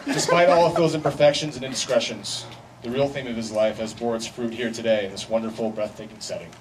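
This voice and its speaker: A man of average pitch gives a best man's wedding speech. He speaks wryly and deliberately, leaving pauses for effect. The mic is some distance away, and clear background noise from the event surrounds his voice. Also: fairly even intonation. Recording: distant mic, noisy live event ambience.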